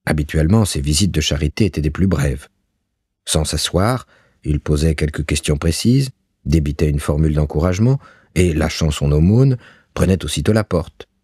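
A man narrating a story in a measured, expressive way. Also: a bass voice, breathy edge, dry recording, clean studio sound.

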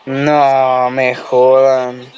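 Excitable, foul-mouthed young game commentator. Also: male voice, medium pitch, drawn-out words, clear, resonant tone. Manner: excitable, profane, yelling at the game. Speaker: gameplay commentator. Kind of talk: casual gameplay commentary. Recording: lo-fi muffled recording.

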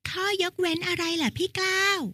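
A high, bright little schoolgirl from a children's lesson cartoon, put on by a woman, asking eager, polite questions. The sound is close and dry, with no room around it. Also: fairly even intonation, a little fast, no echo. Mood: curious. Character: young schoolgirl, curious little sister. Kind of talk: educational cartoon dialogue.

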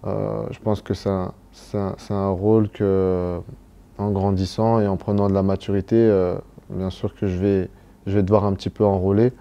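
Soft-spoken young man, dark muffled tone. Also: sits low, flat delivery, normal speed, vocal fry. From Cameroon, raised in Belgium. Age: young adult. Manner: hesitant, many fillers and restarts. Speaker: footballer being interviewed. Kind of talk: casual interview answers.

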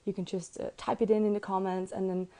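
A woman's voice: medium pitch, flat delivery, fast talker, warm tone, poor audio. A woman hosting a live-stream interview, chatty and giggly, with many fillers. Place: indoors, on a live video stream.

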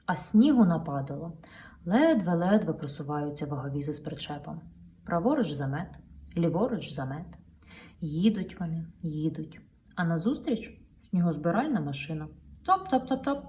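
A woman's voice: low-pitched, big pitch swings, moderate pace, mellow. A woman reading a children's picture book aloud to her daughter, with playful storytelling and sound effects, heard a little distant from the mic.

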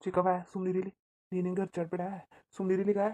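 A woman voicing a young village man in a cartoon who firmly tells his aunt to calm down. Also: fairly low pitch, fast talker, lightly acted. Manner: firm, reproachful. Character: young village man, the mother's nephew, firm and calming. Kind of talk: cartoon dubbing.

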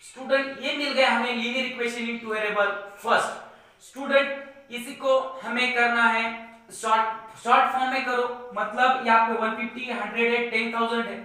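High-voiced man teaching math. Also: little pitch movement, pushed and bright. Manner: slow, repeats words while writing, keeps saying "student". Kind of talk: board-work math lesson. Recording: echoey room.

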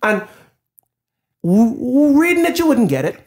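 A man's voice: very high voice, unhurried. Casual man saying bro in an echoey room. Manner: casual and animated, says "bro" constantly. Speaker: podcast co-host. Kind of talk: casual Bible discussion podcast.

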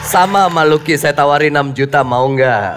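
A man's voice: fairly high pitch, brisk. A middle-aged man, hosting a game show and bantering with contestants on a headset mic. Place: TV studio with audience. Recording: loud show music and cheering crowd.

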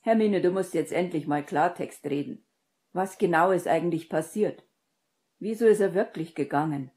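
A woman's voice: lowish voice, a little slow, mellow. A woman reading an audiobook and voicing a serious young man who speaks in a firm, commanding way.

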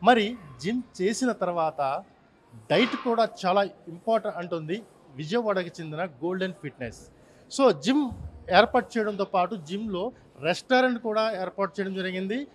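A man's voice: high voice, animated, normal speed, a little hiss or hum. A male reporter presenting to camera from a gym, holding a handheld mic. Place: gym floor, indoors.

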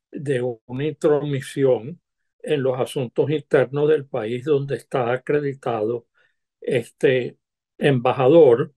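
An older man, a former diplomat, giving measured commentary over a video call from a home study. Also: medium pitch, gravelly, darkish tone.

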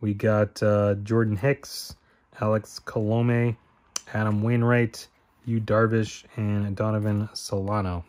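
A man's voice: fairly low pitch, level tone, takes it slowly, darkish tone. A man hosting a card-opening video, listing the names in each pack and rambling as he corrects himself. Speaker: card-opening channel host. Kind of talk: casual card-opening commentary.

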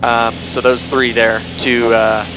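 This young man's mid-range voice moves slowly as he explains the cockpit of a small airplane in flight. The tour is laid-back and chatty, with fillers and self-corrections, recorded on a headset boom mic with the engine's steady drone carried through the intercom.

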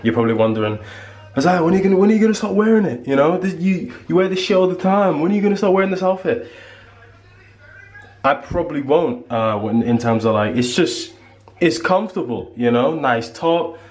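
A man's voice: fairly high pitch, animated, a little fast, darkish tone. A young man, rambling casually with slang and fillers in a small hotel room, filming on a handheld camera. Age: young adult. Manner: laid-back slangy rambling with repeated fillers. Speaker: vlogger. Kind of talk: casual vlog. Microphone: handheld camera at arm's length.

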